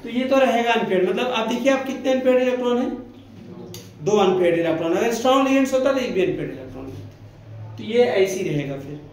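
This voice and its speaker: Speaking quickly in a very high voice with a darkish tone, a man teaches chemistry to a class. The room echoes as he asks questions, answers them himself, and calls his students "beta" with affection.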